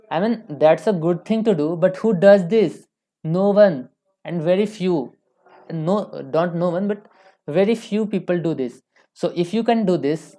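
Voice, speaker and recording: A woman with an Indian accent talks straight to her viewers as an English tutor. Her voice sits low and mellow. She gives earnest advice and often stops to correct herself. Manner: earnest, advising, frequent self-corrections. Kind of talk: instructional talk to camera.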